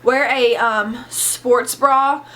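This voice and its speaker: A young woman telling a candid storytime in a casual vlog, chatty and animated, swearing freely. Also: fairly high pitch, drawn-out words. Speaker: vlogger.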